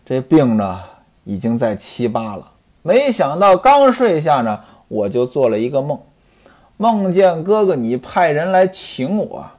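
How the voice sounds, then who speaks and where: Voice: medium pitch, darkish tone. A storyteller voicing a sly, talkative middle-aged man recounting a bad dream to his friend. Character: sly middle-aged male hanger-on, chatty.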